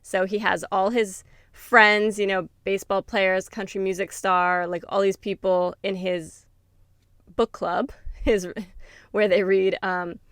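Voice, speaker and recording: A woman on a book podcast talks through a plot in a loose, chatty way, full of "like" and "um". Her voice has a gravelly edge but stays clear, recorded close and dry. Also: mid-range voice, little pitch movement, takes it slowly, a bit bright, dry recording. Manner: chatty, many fillers, laughs while retelling. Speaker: podcast co-host. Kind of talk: casual book review chat.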